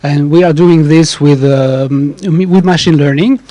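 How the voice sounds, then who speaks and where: A man's voice: a little high, a little slow, warm tone, dry recording. A man presenting his research group's work at a conference, hesitant and repeating words as he searches for them. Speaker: researcher and professor.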